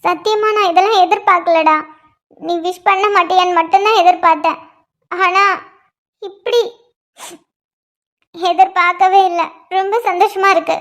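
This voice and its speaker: A woman's voice: very high-pitched, fairly even intonation, moderate pace, pauses often, fairly bright tone. A woman voicing a young wife in a cartoon, whiny and tearful at times, bubbly and delighted at others. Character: young wife, emotional, sulky then joyful. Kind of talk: cartoon dialogue voice acting.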